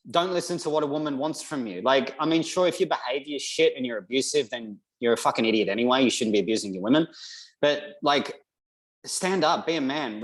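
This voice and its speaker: A man talks as an interview guest in a casual, conversational way. He is blunt and emphatic, with swearing dropped in freely. His voice sits at an ordinary mid pitch. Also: rough recording. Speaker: interview guest, masculinity coach.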